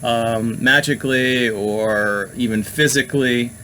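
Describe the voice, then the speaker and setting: A man hosts a casual talk on occult topics at a middle pitch. He meanders through his points with frequent fillers and restarts. A faint background hum sits under his voice. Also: fairly even intonation, measured pace, pushed and bright, low-quality recording. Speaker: host.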